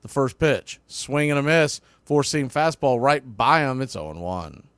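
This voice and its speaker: Broadcasting for a fan stream, this announcer delivers live baseball play-by-play in short, clipped bursts, cheering the home team with homespun partisanship. He has a fairly bright, smooth mid-range voice and a measured pace, recorded in clean studio quality without room sound.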